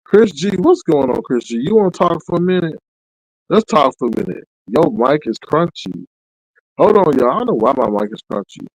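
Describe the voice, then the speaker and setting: A man doing impromptu live commentary over a crackling, crunchy distorted microphone, blunt and animated, with laid-back street slang. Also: fairly high pitch, normal speed, no echo. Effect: crunchy, crackling distorted mic. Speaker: livestream commentator.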